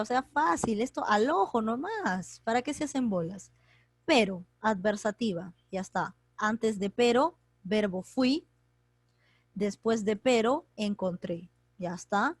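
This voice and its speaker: A woman teaching an online grammar class, talking quickly and chattily as she quizzes students by name. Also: on the high side, no echo. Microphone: computer mic on a video call.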